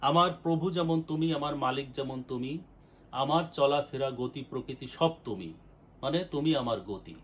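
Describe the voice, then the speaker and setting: A man's voice: mid-range voice, moderate pace, fairly bright tone. A man reciting his own devotional poem, voicing the verses with rising force and then explaining each line in plain, repetitive talk. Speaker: poet reading his own work.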